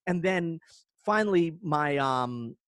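A man co-hosting a podcast, telling a story with lots of restarts and animated swings. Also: fairly high pitch, takes it slowly, no room sound, clean studio sound. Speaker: podcast co-host. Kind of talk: casual chat.

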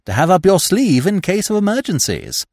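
A man's voice: wildly swooping pitch, moderate pace, darkish tone, no echo, clean studio sound, full character voice. Man doing a chirpy young toff. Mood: eager. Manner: eager, chattering, high-spirited. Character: excitable, breezy young upper-class Englishman.

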